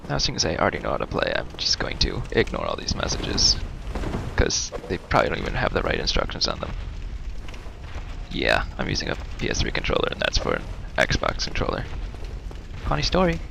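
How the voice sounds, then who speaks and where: This gaming video host has a rumbling low, creaky voice with wildly swooping pitch and a slightly fast pace. He gives casual let's play commentary full of wry, self-deprecating muttered asides. The mic sits too close to his mouth, so the recording is noisy with breath sounds.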